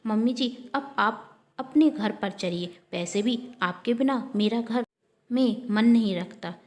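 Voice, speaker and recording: Woman voicing a polite gentle young daughter-in-law. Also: a little high, a little slow, lightly acted. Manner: polite, soft-spoken.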